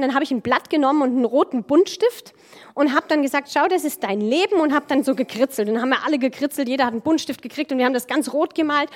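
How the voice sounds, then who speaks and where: A middle-aged woman preaching a sermon, stressing key phrases by repeating them slowly. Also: high-pitched.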